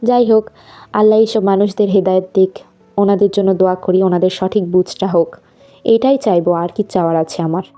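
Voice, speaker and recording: A woman voicing a pious young wife who sighs and reflects softly in a doll puppet show. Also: mid-range voice, steady tone, a little fast, lightly acted. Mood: rueful. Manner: reflective, sighing, soft.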